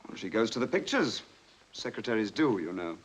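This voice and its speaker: A man's voice: fairly low pitch, big pitch swings, fairly quick. A man playing a flippant but nervous young son in a 1950s film drama. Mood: flippant, sarcastic. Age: young adult. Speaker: actor. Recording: old film soundtrack, background noise.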